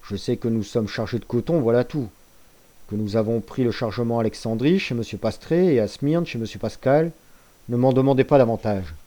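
A man voicing a sly, scheming male ship's accountant who answers in a smooth, guarded, persuasive way in a storybook reading. His voice is lifted a little above his narrating tone. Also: mid-range voice, a little fast, mellow, lightly acted. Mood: evasive.

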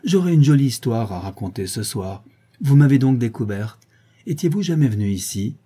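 A man's voice: on the low side, lively intonation, brisk, mellow, breathy edge. A man reading aloud and voicing a spoiled, saucy thirteen-year-old girl who talks back in a pleading, petulant way. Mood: gleeful.

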